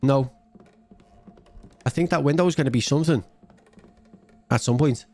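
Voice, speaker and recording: The speaker is a gaming channel host, probably in his thirties or forties, doing laid-back let's-play commentary indoors, thinking out loud near a close desk mic. His voice sits mid-range, a little mellow, at a moderate pace, with faint music behind him.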